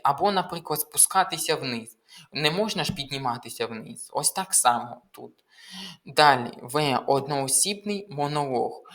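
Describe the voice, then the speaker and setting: A tutor walks through exam questions one at a time in a methodical, explanatory lesson. The voice sits at a middle pitch. Small hesitations come between points as each rule is explained. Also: fairly bright tone. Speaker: language tutor.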